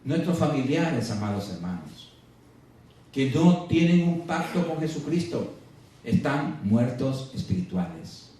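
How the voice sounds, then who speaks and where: A male preacher giving a sermon, slowing and rising in pitch to stress scripture, then dropping low. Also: big pitch swings, warm tone. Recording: echoey, distant church radio recording.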